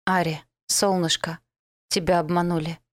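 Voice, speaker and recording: Audiobook male dark elf, gentle and protective, low and hushed, as a woman reader does him, dry close sound. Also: flat delivery, moderate pace, no echo, close to an everyday voice. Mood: incredulous. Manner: soft, soothing, reassuring. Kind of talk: audiobook character voice.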